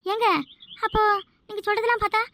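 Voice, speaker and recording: A woman voicing a sharp-tongued, teasing young village wife in a cartoon comedy, with a Tirunelveli Tamil accent and rapid, needling questions. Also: extremely high pitch, flat delivery, no echo, clean studio sound. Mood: alarmed, nosy.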